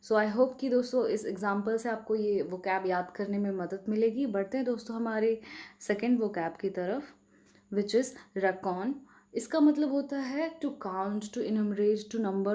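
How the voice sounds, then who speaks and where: A woman with an Indian English accent leads a casual vocabulary lesson, friendly and chatty, with frequent check-ins to her viewers. Her voice sits at an ordinary middle pitch and has a warm, mellow tone. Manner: friendly, repeats "friends" and "okay?" often.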